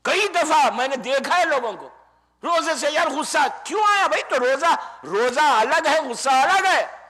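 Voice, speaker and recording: A man preaching a Ramadan sermon. He talks to the audience like friends, swinging from loud exclamations down to near-whispered asides. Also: very high-pitched, animated, unhurried. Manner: conversational, addresses audience as friends. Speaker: Islamic preacher. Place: mosque or community center hall.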